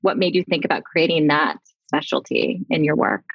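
A woman interviewing a guest, asking curious and measured questions. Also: low voice, expressive, husky, no echo, muffled recording. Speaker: podcast interviewer.

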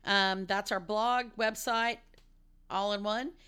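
A woman co-hosting a casual podcast, wrapping up the show in a relaxed, friendly way. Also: medium pitch, takes it slowly, smooth. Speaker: podcast co-host. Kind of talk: casual chat.

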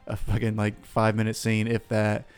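A man's voice: lowish voice, completely flat delivery, normal speed, a little mellow, smooth. Man, podcast co-host, dry jokey asides, faint music underneath. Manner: dry joking asides, swears casually. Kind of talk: casual comedic chat.

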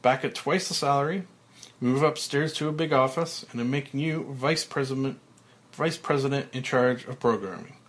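A man's voice: mid-range voice, normal speed, close to an everyday voice. Man putting on a frantic man buried alive. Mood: giddy. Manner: frantic, yelling. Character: panicked man buried alive, turning giddy.

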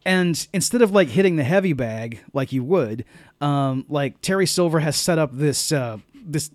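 Guy on a movie podcast, kinda high voice, lots of likes and ums, dry mic. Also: animated, normal speed, no echo. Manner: rambling, lots of fillers and restarts. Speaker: podcast co-host. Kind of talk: casual movie-review chat.

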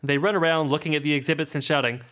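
Speaking at a fairly high pitch and a rapid-fire pace, a male comedy podcast co-host reads from an adventure book in a dry, deadpan voice and riffs on what he reads.

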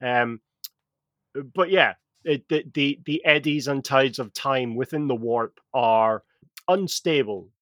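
A man chatting on a podcast, walking his co-host through game lore. He rambles, restarts his sentences and fills the gaps with ums and uhs. His voice sits at an ordinary middle pitch, and the recording is dry and close. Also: slow, a bit bright, no room sound. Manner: rambling, with frequent fillers and restarts. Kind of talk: casual chat.

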